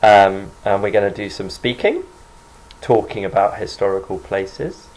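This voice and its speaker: A man teaching an online English class over a video call, encouraging his students and repeating words slowly for them. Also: on the low side, a little mellow, low-quality recording.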